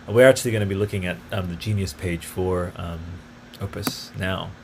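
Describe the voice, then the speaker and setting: Man, fairly low voice, solo podcast host, rambling, enthusiastic, faint hiss behind. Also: steady tone, normal speed, gravelly. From grew up partly in Italy. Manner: rambling, enthusiastic, many fillers and tangents. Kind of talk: casual solo podcast talk.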